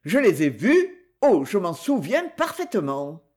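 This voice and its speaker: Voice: medium pitch, wildly swooping pitch, unhurried, darkish tone. A reader voicing a hulking, blustering Prussian major who protests indignantly in an audiobook. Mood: defensive.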